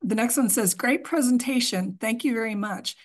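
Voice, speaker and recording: Woman moderator reading questions off-mic, slow and measured. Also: fairly high pitch. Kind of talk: reading audience questions aloud.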